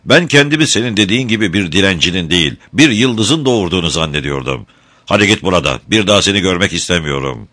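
A man's voice: deep voice, very animated, fairly quick, voice pushed up, exaggerated voice. A man voicing a proud, cruel young boy in a storybook reading. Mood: cold. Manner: haughty, shouting.

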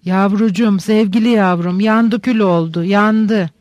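A frantic, sobbing mother pleads in a rush of words, as a man reading a storybook puts her on. The voice sits high and the sound is close and dry, with no room around it. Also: fairly even intonation, darkish tone, no echo. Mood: sobbing pleading. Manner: sobbing, rapid pleading speech.

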